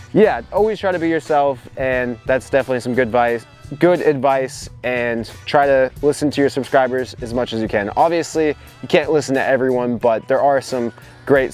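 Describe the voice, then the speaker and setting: A man hosting his own vlog in a relaxed, chatty way, reading viewers' advice aloud and reacting to it with plenty of fillers. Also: mid-range voice. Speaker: sneaker vlogger host. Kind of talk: casual vlog chat reacting to comments.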